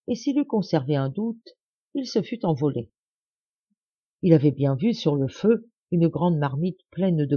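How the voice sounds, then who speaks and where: A woman's voice: husky, no echo, dull audio. A woman reading a novel aloud as an audiobook narrator, acting out the dialogue. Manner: acts out the dialogue with raised pitch. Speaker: audiobook reader. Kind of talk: scripted narration.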